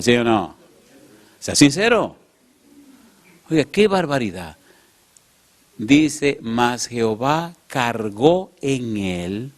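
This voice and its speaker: A male pastor delivers an animated sermon in a church, in a mid-pitched voice. He tells short stories, acts out their characters, and keeps turning to the congregation with questions.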